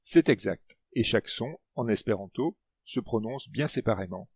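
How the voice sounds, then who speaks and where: A man's voice: on the low side, animated, normal speed, vocal fry, darkish tone, slightly rough, dry recording. A man presenting a language lesson in scripted narration, explaining and stressing his example words.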